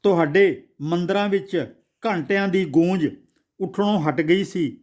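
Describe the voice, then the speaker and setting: A man narrating a devotional audiobook story in a measured way, reciting scripture verses slowly. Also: high-pitched, a little mellow.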